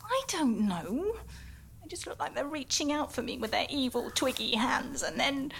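A young woman playing a playful, easily frightened camper scared of the dark in a comedy audio drama. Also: high voice, expressive, moderate pace, creaky, a crowd in the background. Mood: sheepish.

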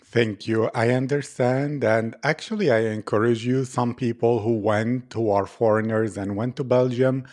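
A man hosting an interview, asking gentle, encouraging questions. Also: mid-range voice, steady tone, normal speed, hardly any pauses.

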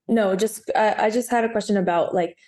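A woman's voice: medium pitch, fairly even intonation, a little fast, mellow. A woman co-hosting a podcast interview, asking questions in a chatty way that is full of "like" and offering encouraging agreement. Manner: chatty, many "like" fillers, encouraging backchannels. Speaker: podcast co-host. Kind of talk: conversational interview.

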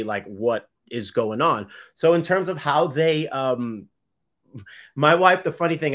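A man's voice: a little high, fairly bright tone. A man from Boston with a Boston accent, a podcast guest in casual conversation, talking loosely and correcting himself. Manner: loose, rambling, self-correcting.

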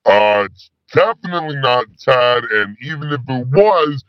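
Guy playing a stoner spy caller, voice pitched down, all over the place pitch-wise, muffled phone sound. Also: animated, measured pace, dry recording. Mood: laid-back. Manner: stoner slang, rambling, laid-back. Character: slacker male spy caller with disguised voice. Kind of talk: comedy call-in sketch. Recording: dull lo-fi phone call.

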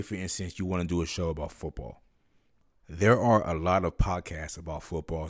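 A man's voice: sits low, no echo, studio quality. A man hosting a podcast, talking conversationally and instructionally, as if directly to one listener. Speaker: podcast host.

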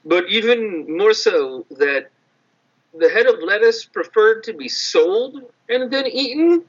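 A man's voice: high-pitched, animated, takes it slowly, husky. A man co-hosting a podcast in casual chat, wandering into tangents. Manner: rambling, tangent-prone. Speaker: podcast co-host. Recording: dull lo-fi sound.

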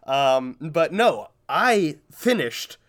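Male podcast co-host, slightly high voice, dry mock exasperation, casual banter, recovering from being sick with a lingering cough. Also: big pitch swings, drawn-out words, a bit bright. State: getting over an illness with a lingering cough. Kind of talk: casual comedic podcast chat.

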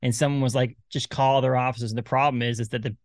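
Male podcast host, thirties, rambling and laughing, quick delivery, dry close mic. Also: medium pitch, steady tone, a little mellow, dry recording. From Maine. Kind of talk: casual chat.

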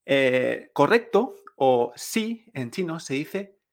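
A young man teaching Chinese pronunciation in Spanish, explaining slowly, repeating sounds and adding a checking "eh?". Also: on the high side, sing-song. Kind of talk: pronunciation lesson.

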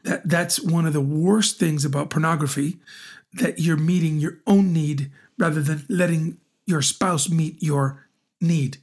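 A man in his forties co-hosting a relationship podcast, talking in an animated, teasing way and often repeating his words as he starts a thought. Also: a little high, measured pace. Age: 40s. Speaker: podcast co-host. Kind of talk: casual chat.

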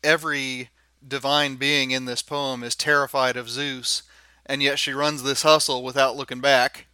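A man in a casual book discussion, making thoughtful, measured comparisons. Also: medium pitch, little pitch movement, bright, forceful tone, clear, resonant tone, dry recording.

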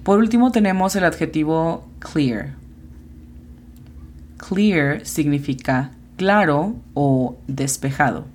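Slow, low-voiced woman teaching English. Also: lively intonation, darkish tone, a little hiss or hum. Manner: slow, careful explanations, spelling out sounds. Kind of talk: podcast language lesson.

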